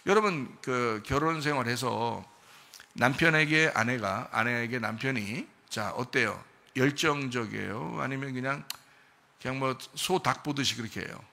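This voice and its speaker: A man's voice: medium pitch, moderate pace, gravelly, bright, forceful tone. A man preaching a sermon as pastor, who keeps asking his congregation questions. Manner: asks the congregation many questions.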